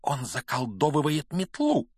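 A man voicing a clever, determined schoolgirl in an audiobook, speaking quickly and breathily with urgency. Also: a little high, wildly swooping pitch, husky, dry recording, studio quality, pitched above the performer's own voice, exaggerated voice. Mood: urgent.

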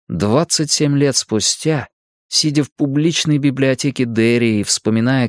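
A man reading a novel aloud as an audiobook narrator, in a measured, steady way. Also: mid-range voice, no echo, clean studio sound. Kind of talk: scripted narration.

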